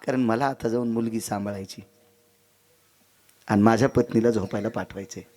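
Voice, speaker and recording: A man preacher voicing a humble, tearful male farmer who speaks low and pleading, in a devotional sermon story. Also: steady tone, normal speed, mellow, natural voice. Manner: low, subdued, earnest pleading.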